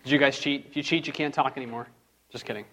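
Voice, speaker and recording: A man teaching a church class at a medium pitch. He talks in a loose, conversational way, with filler words and asides to his listeners. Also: steady tone, quick pace, fairly bright tone. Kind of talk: casual sermon-style teaching.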